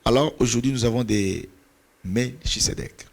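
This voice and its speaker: There's a little mellowness to this mid-range male voice, along with vocal fry, at normal speed. He is a middle-aged pastor and mentor, a native Portuguese speaker, preaching earnestly about mentoring in church while now and then reaching for words.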